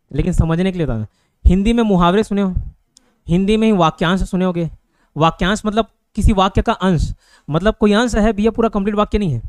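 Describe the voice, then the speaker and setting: High-voiced Indian man teaching English grammar. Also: darkish tone, clean tone, no room sound. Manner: explains slowly, with many checking questions. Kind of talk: online classroom lesson.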